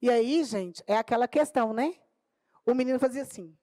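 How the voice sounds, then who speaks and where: A middle-aged Brazilian woman from Minas Gerais speaks on a panel as a teacher and tells her story with lively energy, acting out the voices of the people in it. Her voice sits high, and the sound is dry and close, with little room echo. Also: normal speed. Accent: Brazilian Portuguese, Minas Gerais. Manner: animated storyteller, acting out dialogue in her own telling. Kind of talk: storytelling talk at a public panel. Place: auditorium or conference room.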